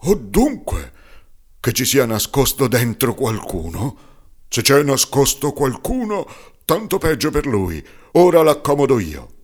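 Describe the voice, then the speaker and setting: A jumpy old carpenter in a storybook, stammering and blustering to cover his nerves, as a man reading aloud acts him out. The voice is lively and rises and falls a lot. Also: very deep voice, measured pace, heavily acted. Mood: frightened bluster.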